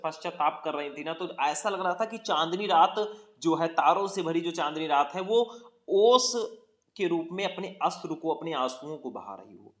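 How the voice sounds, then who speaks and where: A man's voice: a little high, fairly bright tone. A male teacher from walks students through an exam paper. He explains each verse line by line and often calls them 'bhaiya'. The sound is echoey, as if from a bare room. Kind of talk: exam paper walkthrough lesson.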